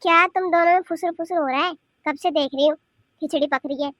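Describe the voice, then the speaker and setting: A woman voicing a bossy, sharp-tongued grandmother in a cartoon, nagging and scolding. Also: extremely high pitch, fast, no echo, studio quality. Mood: sarcastic. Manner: scolding, nagging rhetorical questions. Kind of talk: cartoon voice acting.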